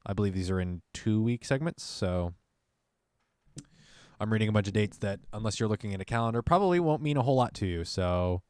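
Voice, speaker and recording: A man's voice: lowish voice, lively intonation, a little fast, a little mellow, smooth, dry recording. A young man co-hosting a podcast in casual chat, reading announcements aloud and adding side comments. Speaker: podcast co-host.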